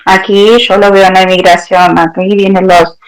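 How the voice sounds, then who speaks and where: A woman's voice: mid-range voice, level tone, moderate pace, rough recording. Reflective woman therapist. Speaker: therapist guest. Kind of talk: interview answers.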